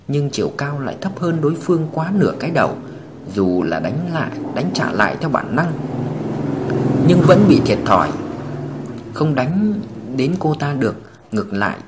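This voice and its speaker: A man's voice: mid-range voice, slight background noise. A man narrating a crime novel as a dramatic audiobook reading. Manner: expressive, dramatic.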